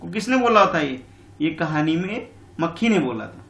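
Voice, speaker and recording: Male teacher for a children's lesson: patient, repeats himself, voice a little high, echoey room. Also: sing-song, moderate pace, a bit bright. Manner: patient and repetitive, calls pupils बेटा. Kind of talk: online class lesson explaining a textbook.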